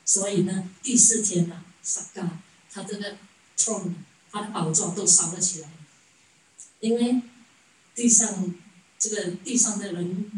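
A woman's voice: medium pitch, mellow, a little hiss or hum. A woman giving a Buddhist sermon as a story, chuckling often and asking rhetorical questions. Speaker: Buddhist dharma teacher. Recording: echoey room, distant mic.

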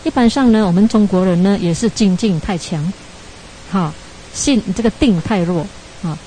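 Woman, meditation teacher, relaxed mellow voice; casual storytelling dharma talk, laughs off her slips. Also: mid-range voice, moderate pace, slight background noise, rough recording. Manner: chatty, ends phrases with tag particles, laughs at own slips.

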